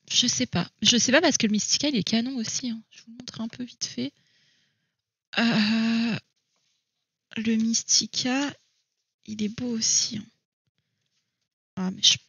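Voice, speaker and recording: A woman's voice: fairly high pitch, steady tone, a little slow, pauses often, fairly bright tone, breathy edge, no room sound, studio quality. A woman chatting casually to camera at home about her coloring books, thinking aloud and hesitating with many fillers. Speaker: coloring hobby vlogger.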